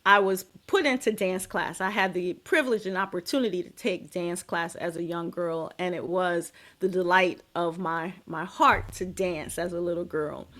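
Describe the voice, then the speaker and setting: Expressive middle-aged woman telling stories. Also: fairly low pitch, normal speed, hardly any pauses. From United States. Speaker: guest, dance and movement healer. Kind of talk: podcast interview.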